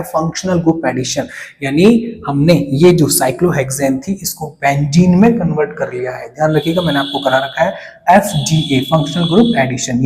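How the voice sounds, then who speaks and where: Young guy teaching chem, kinda high voice but soft and mellow, keeps asking got it? and joking around. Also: low-quality recording. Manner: asks questions to the class and answers them, with playful asides. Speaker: chemistry teacher. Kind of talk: whiteboard lecture.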